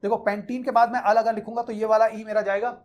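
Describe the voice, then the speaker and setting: A man's voice: sits high, little pitch movement, fast talker, highs cut off. A man teaching chemistry, explaining naming rules in a conversational way and repeating the key points for students. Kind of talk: explaining IUPAC naming in a Hindi-English mix.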